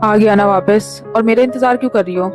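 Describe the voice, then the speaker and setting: A performer voicing an irritated young husband who answers his wife in short, dismissive lines, over loud background music. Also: mid-range voice, a little fast, natural voice.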